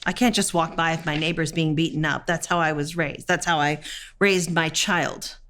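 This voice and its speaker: An actress playing a firm woman of forty-nine, steady and matter-of-fact, giving documentary theatre testimony. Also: deep voice, normal speed, a little hiss or hum. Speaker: actor.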